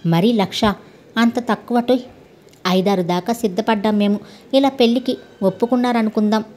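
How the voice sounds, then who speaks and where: A woman voicing a hot-tempered young man who blusters loudly and threatens his rival, in a storybook reading. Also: a little high, steady tone, moderate pace, close to an everyday voice. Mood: heated. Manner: loud, blustering.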